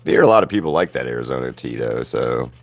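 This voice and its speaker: A man in his thirties from the Southern United States, with a mild Southern accent, streams himself painting live. His bass voice is gravelly and quick with lively intonation, and he rambles loosely, cursing casually.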